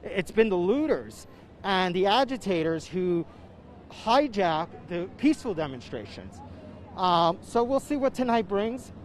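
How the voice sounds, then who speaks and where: A man reporting live from the street, conversationally and haltingly answering viewer questions, slightly muffled by a face mask and breathing heavily. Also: high voice, very animated. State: breathing heavily in warm, humid air. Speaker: field news reporter. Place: outdoors on a city street during a march. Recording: outdoor street noise with traffic.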